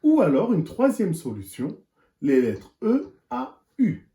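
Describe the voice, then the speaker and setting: Slow, husky-voiced teacher drawing out words. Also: mid-range voice, huge pitch swings, warm tone. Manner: slow, deliberate, repeats and stretches words. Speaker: primary school teacher. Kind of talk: recorded reading lesson for young children.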